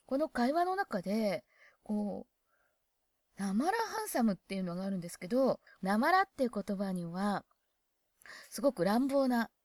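A woman's voice: medium pitch, a little mellow, dry recording, studio quality. A woman from Hokkaido giving a casual spoken dialect lesson, chatty and thinking aloud as she explains. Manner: chatty, thinks aloud, asks herself questions. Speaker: dialect teacher.

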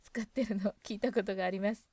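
A woman's voice: mid-range voice, steady tone, fast talker, a little mellow, breathy edge, no echo, studio quality. A woman presenting a casual spoken lesson, chatting and musing aloud as she acts out example lines.

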